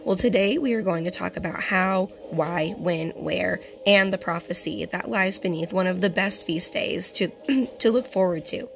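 A young woman with a hoarse, partly lost voice, giving a religious teaching as host and often clearing her throat. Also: fairly low pitch, moderate pace. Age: young adult. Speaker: fellowship host and Bible teacher. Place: small indoor room. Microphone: phone at arm's length.

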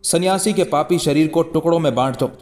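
A man's voice: a little high, brisk, a little mellow, lightly acted. A man voicing a proud, furious queen in a read-aloud historical story, haughty and commanding.

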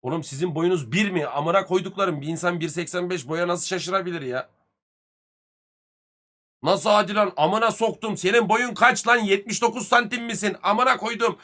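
A man in his thirties hosts a casual live-stream chat, trading crude jokes and curses with viewers. His voice sits a little high and sounds bright and tense, jumping from loud bursts to low mutters. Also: normal speed. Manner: crude, swearing, joking banter; lively, swings loud and soft.

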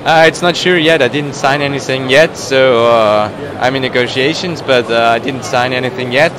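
With a mid-range voice and a moderate pace, the thirty-ish non-native speaker answers casual interview questions as a professional cyclist, reaching for his words. Crowd noise and general hall ambience carry through from the indoor trade show booth.

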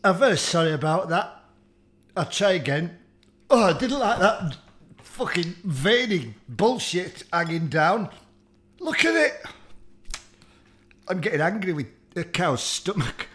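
A man, his voice sitting a touch higher than most men's, hosts a comedic food-tasting vlog. He swears freely, groans and complains with theatrical disgust, and plays up every bite for laughs. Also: animated, measured pace, fairly bright tone. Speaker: food challenge host.

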